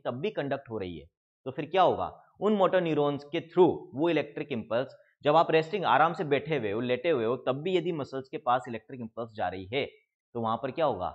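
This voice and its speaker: A man's voice: medium pitch, highs cut off. A man with an Indian accent giving an exam-prep biology lecture. He explains each step, puts questions to the class and answers them himself, and mixes English terms into his talk. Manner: mixes English terms into Hindi speech, calls students kids. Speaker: biology teacher.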